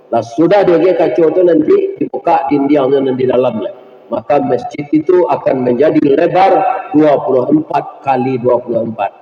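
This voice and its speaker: A man with a Minangkabau accent preaching a humorous sermon, telling a story with asides to the audience. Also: a little high. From West Sumatra. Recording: echoey hall, dull lo-fi sound.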